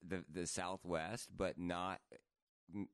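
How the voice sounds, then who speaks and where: Deep voice, slightly nasal, careful enunciation, man from northern Idaho, dry close sound. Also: steady tone, slow, clean tone, no echo. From northern Idaho, USA. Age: adult, married. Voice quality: a little nasal. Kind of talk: casual chat.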